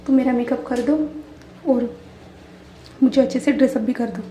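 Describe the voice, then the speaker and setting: A woman's voice: on the high side, little pitch movement, moderate pace, warm tone, slight background noise, natural voice. A woman voicing a brusque young man who is bossy and easily annoyed, with snappy retorts. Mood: insistent. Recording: echoey room.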